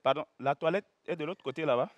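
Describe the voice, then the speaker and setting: A man performing a comic stand-up story, animated and bursting into loud exclamations. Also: on the high side, quick pace, no room sound. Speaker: stand-up comedian.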